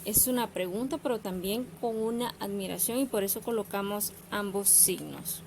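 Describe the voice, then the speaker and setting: A woman's voice: medium pitch, moderate pace, gravelly, background noise. A woman teacher, patiently explaining punctuation to students.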